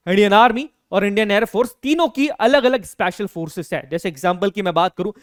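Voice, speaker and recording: Male teacher, high voice, earnest and emphatic lecturing tone, dry close recording. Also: clear, resonant tone, dry recording. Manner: earnest, emphatic, addresses students directly. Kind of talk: educational lecture.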